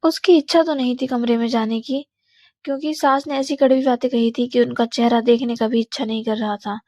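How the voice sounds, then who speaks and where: A woman narrating a scripted family drama story in a steady storytelling manner. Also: fairly high pitch, brisk, no room sound. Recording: slightly dull, dry recording.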